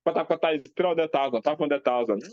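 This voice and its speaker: Animated Nigerian man giving a motivational talk. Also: on the high side, fast, no echo, dull audio. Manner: animated, acts out scenes in a raised voice. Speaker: speaker on personal finance.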